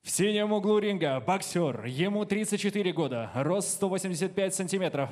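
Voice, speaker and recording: A man's voice: high-pitched, a little mellow. A young man working as a boxing ring announcer, formal and ceremonial, on a handheld microphone. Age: young adult. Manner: ceremonial, drawn-out fighter names. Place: large indoor boxing arena.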